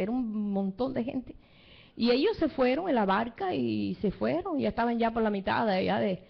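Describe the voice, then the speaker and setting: A woman preaching a sermon in a lively storytelling way, acting out the people she quotes. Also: medium pitch. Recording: dull lo-fi sound.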